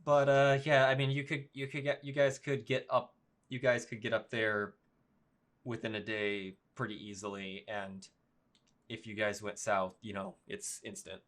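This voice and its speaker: Low-voiced male game master. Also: flat delivery, normal speed, fairly bright tone. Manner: rambling, filler-heavy, laughing. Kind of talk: running a tabletop game over voice chat.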